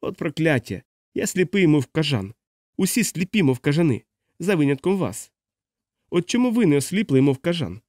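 A man's voice: on the high side, big pitch swings, moderate pace, a little mellow, no room sound, studio quality, pitched above the performer's own voice. A man reading an audiobook, voicing a drunk, blind, stout middle-aged publican who talks in a slurred, boisterous, self-pitying way. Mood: drunken grumbling. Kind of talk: audiobook character voice.

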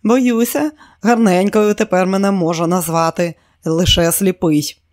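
A bold, reckless young woman, as a male audiobook reader puts her on, insistent and theatrical. Her voice sits higher than the narration and swings through a lively range. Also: a little slow, no echo, studio quality, close to an everyday voice. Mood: wry.

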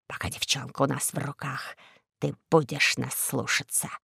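A woman voicing a sinister talking rope that speaks in a quiet, creaky, menacing way. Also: very deep voice, little pitch movement, normal speed, dry recording, clean studio sound, pitched below the performer's own voice, exaggerated voice.

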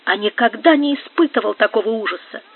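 A reader doing a hushed, fearful soldier. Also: medium pitch, animated, brisk, creaky, breathy edge. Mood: uneasy. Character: uneasy superstitious male soldier. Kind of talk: audiobook character voice. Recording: tinny phone-like sound.

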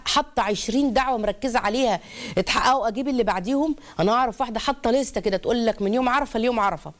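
Fast-talking Egyptian woman lecturer. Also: on the high side. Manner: lively, fires off rhetorical questions. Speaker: religious lecturer. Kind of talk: religious talk to mothers.

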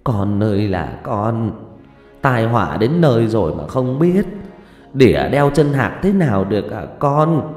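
A man's voice: medium pitch, sing-song, measured pace, warm tone, echoey room, long reverb tail, faint music behind. A man voicing a poor, grieving old village mother who pleads with her son through tears. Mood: tearful pleading. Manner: tearful, pleading lament.

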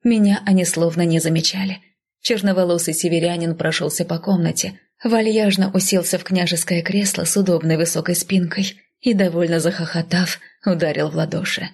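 Woman, audiobook narrator, first-person story, low pitch, raspy fry, soft half-whisper. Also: fairly even intonation, a little fast.

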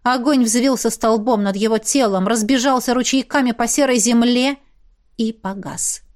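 A woman narrating a fantasy audiobook with an expressive, dramatic reading. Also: a little high, normal speed.

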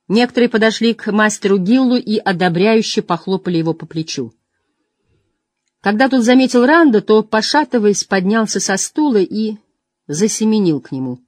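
An audiobook narrator reading a fantasy novel at a middle pitch. The manner is measured, and the voice sinks low and quiet as phrases end. The sound is close and dry, recorded on a studio mic. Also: dry recording.

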